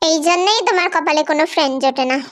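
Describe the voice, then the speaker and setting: Very high, quick woman comic dubber. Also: very noisy. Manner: scolding, exclaiming, quick to laugh. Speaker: fan dubber voicing several characters. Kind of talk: comedic fan dubbing.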